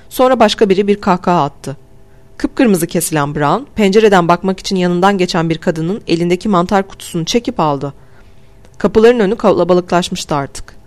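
A man calmly narrating a first-person audiobook in a measured storytelling voice. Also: high-pitched. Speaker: audiobook reader.

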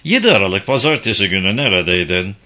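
A man's voice: fairly low pitch, big pitch swings, quick pace, sharp tone, voice pushed down. A male reader playing a serious female police officer who questions a witness steadily in an audiobook.

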